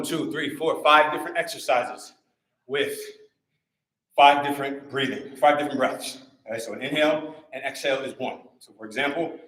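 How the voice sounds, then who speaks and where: A man coaching a live workout, energetic and encouraging, repeating short cues while a little out of breath. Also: mid-range voice. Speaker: fitness coach. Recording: roomy echo.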